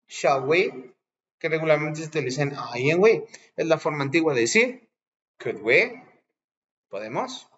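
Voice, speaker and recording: A man's voice: a little high, big pitch swings, unhurried, long pauses, fairly bright tone. Bilingual man teaching English grammar. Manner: explains patiently, switches between Spanish and English examples. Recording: dull lo-fi recording.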